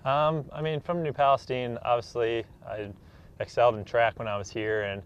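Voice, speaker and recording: A professional track athlete in his 20s, appearing as an interview guest, answers casually. He speaks at normal speed in a smooth, mid-range voice with a steady tone, and the room recording is dull and slightly noisy.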